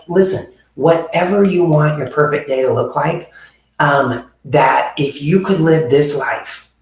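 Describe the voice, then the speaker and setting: A man in his forties hosting a motivational podcast, talking earnestly to viewers, with many fillers and restarts. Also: fairly high pitch. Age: 40s. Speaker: podcast host. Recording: very echoey room.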